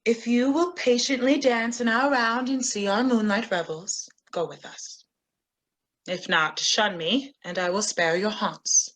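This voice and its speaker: A proud fairy queen played by a woman on stage, high-voiced and very unhurried. She draws out her Shakespearean verse with hammy, declamatory grandeur, defiant and scornful. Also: steady tone, a bit bright, rough recording. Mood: cool, defiant.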